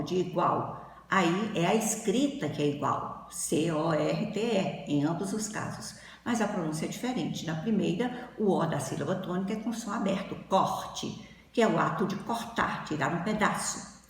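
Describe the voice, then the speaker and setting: A woman giving a grammar lesson, explaining methodically step by step with examples. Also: lowish voice. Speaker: teacher. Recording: very echoey hall with faint noise.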